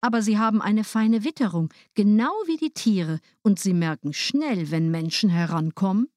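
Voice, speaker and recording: A woman reading a fairy tale aloud, in a lively, expressive way. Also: mid-range voice, normal speed, no room sound, clean studio sound. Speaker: storyteller.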